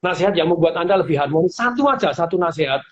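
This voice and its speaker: Animated high-voiced middle-aged man. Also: quick pace. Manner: animated, laughs often, acts out quoted lines. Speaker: guest speaker and author. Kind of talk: casual advice talk. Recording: dull lo-fi audio with faint hiss.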